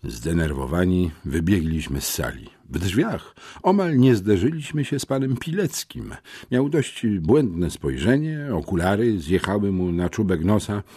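Husky man narrating a lively audiobook. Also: low voice, a little slow. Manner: lively, expressive storytelling. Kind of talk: scripted narration.

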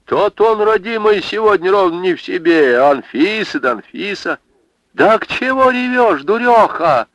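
A shrill old peasant woman, scolding and lamenting in a high wail, as a male reader puts her on. Her voice climbs far above the narrator's own low register, loud and urgent. The recording is close and dry. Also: takes it slowly, gravelly, dry recording, highs cut off, heavily acted. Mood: urgent shouting.

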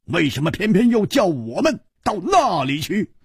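A man voicing a loud, hot-tempered, boisterous swordsman who blusters and shouts. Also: medium pitch, huge pitch swings, normal speed, breathy edge, dry recording, studio quality, voice pushed up. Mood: grieving fury.

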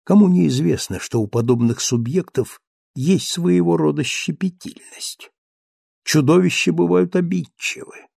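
A man reading a dramatic audiobook narration in a measured, storytelling manner. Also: a little high, gravelly, a little mellow, breathy edge, dry recording, clean studio sound.

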